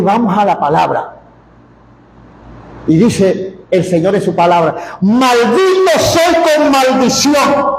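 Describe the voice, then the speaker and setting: Male pastor, high-pitched, folksy emphatic sermon, echoey room. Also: darkish tone, slight background noise. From Colombia. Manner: folksy, joking, emphatic preaching with repetitions.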